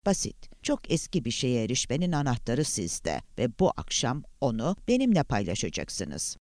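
A man's voice: medium pitch, moderate pace, dry recording, studio quality. A man reading as a smug, menacing kidnapper. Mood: cold, condescending. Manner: calm, taunting, formal. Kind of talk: audiobook character voice.

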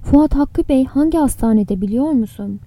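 A woman voicing a middle-aged mother in an audiobook, soft and tearful. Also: sits high, expressive, moderate pace.

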